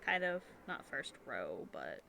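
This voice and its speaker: A woman's voice: rumbling low, big pitch swings, slow pace, vocal fry, bright, forceful tone, slight background noise. A young adult woman streaming, chatting casually while she sews and thinking aloud in a chatty, repetitive way. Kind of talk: casual live-stream chat while sewing.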